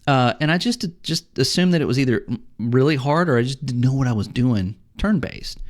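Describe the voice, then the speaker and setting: A middle-aged man co-hosting a casual podcast about video games. He tells long, rambling stories and jumps into lively acted-out quotes of other players. His voice sits at an ordinary middle pitch. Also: a little fast. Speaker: podcast co-host.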